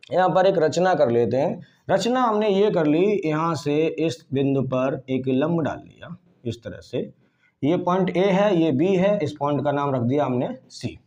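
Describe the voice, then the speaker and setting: A man's voice: a little high, darkish tone. Hindi-speaking male physics teacher, lo-fi sound. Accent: Hindi-speaking Indian. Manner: repeats key terms and asks questions back to the class. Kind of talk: whiteboard lesson.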